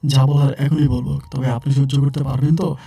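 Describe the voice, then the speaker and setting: A secretive young woman who insists bluntly and repeats her demands, a man reading her lines. The voice stays dark and husky, a little lower and softer than his own telling. It sounds like a spoken real-life story. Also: level tone, a little fast.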